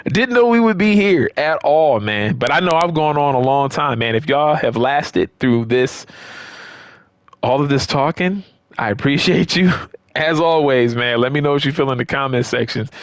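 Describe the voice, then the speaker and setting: A man hosting a YouTube channel on wrestling games and action figures chats unscripted with his viewers. He rambles and repeats phrases for emphasis. His medium-pitched voice is animated and moderately paced, and the recording has clean studio sound with no room sound.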